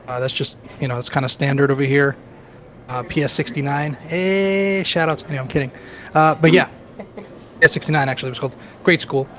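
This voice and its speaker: A man's voice: fairly high pitch, fairly quick, fairly bright tone, slight background noise. A man around forty, chatting casually as a guest and telling his life story in a rambling, self-deprecating way with many fillers. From Queens, New York. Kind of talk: casual chat.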